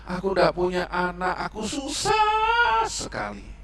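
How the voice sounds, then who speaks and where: A woman's voice: mid-range voice, wildly swooping pitch, a little slow, fairly bright tone, far from the mic, full character voice. A man voicing a tearful childless mother who pleads with God for a son, in an echoey church hall, some way from the mic. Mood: pleading. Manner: pleading, then sobbing with joy.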